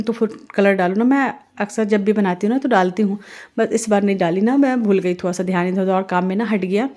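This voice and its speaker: Chatty middle-aged woman vlogging while cooking. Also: mid-range voice. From India. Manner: chatty, rambling, warm-hearted advice with religious phrases. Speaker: family vlogger and mother. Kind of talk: casual voice-over while cooking.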